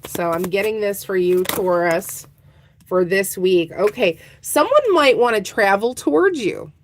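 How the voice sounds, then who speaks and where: A woman's voice: mid-range voice, expressive, a little slow, slight background noise. A woman giving a casual tarot reading, chatting straight to her viewers and laughing easily. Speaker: tarot reader.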